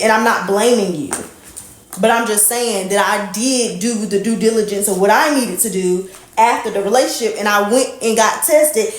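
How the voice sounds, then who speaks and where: A woman in her thirties telling a story on a live stream, animated and profane as she vents into a phone. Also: a little high, reverberant. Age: 30s. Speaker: livestream host.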